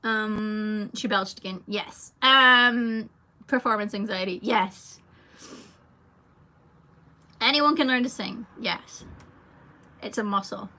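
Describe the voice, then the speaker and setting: Slow and often pausing, this young woman's medium-pitched voice sounds pushed and bright. She's a singer doing an easygoing livestream Q&A, going through viewer comments in a rambling way with lots of fillers.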